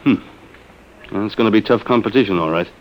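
A man's voice: on the low side, a little fast, slight background noise, close to an everyday voice, low-quality recording. An actor playing a grumpy, suspicious middle-aged husband and businessman in an old radio drama. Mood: wry, suspicious. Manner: blustering, exasperated.

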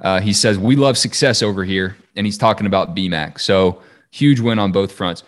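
Lower-voiced man chatting about football. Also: moderate pace. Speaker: sports podcast co-host. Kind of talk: casual sports talk.

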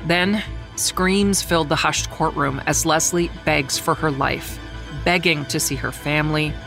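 A middle-aged journalist narrating a true-crime story in a measured, somber way, slowing down on the grave details. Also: medium pitch, steady tone, music in the background. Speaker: journalist who covered the trial, narrating.

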